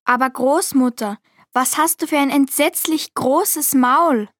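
A woman's voice: high-pitched, unhurried, dry recording, clean studio sound, voice pushed up. A woman voicing an innocent, trusting little girl who speaks earnestly. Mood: wondering. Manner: bright, earnest and guileless.

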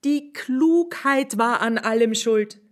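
A woman's voice: on the high side, slow, pitched above the performer's own voice. A woman reading a storybook aloud, voicing a clever male swineherd who explains his plan eagerly.

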